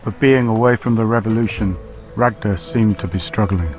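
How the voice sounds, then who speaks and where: A man narrating a documentary in a calm, measured way, and interviewing people he filmed. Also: lowish voice. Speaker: documentary filmmaker. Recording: roomy sound with music behind.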